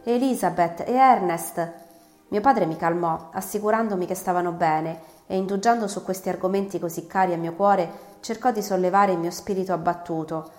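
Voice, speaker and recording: Lady reading an old novel out loud, lowish voice, roomy echo, faint music. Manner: measured first-person storytelling. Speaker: audiobook reader. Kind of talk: literary audiobook narration.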